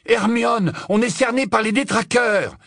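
A man's voice: medium pitch, big pitch swings, brisk, husky, no room sound, studio quality, voice pushed up. A man voicing a determined teenage boy wizard in an audiobook, giving urgent commands.

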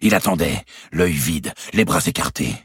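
A man narrating a historical novel aloud in an expressive storytelling style. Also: a bass voice, normal speed, slightly rough, dry recording, clean studio sound. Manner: expressive, acts out every character. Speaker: audiobook narrator.

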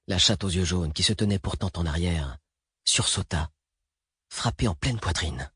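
A man narrates a thriller in a steady, even read. His voice is low and very husky. It is recorded close and dry, with no room sound. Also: normal speed, no echo. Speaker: audiobook narrator.

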